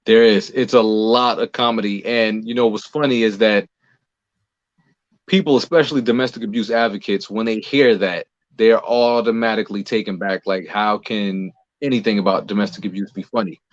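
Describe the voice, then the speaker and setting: This interview guest, an American playwright and producer, has a fairly low voice and a steady tone, moving at a moderate pace as he casually explains things. Expect a roomy echo and dull, lo-fi audio.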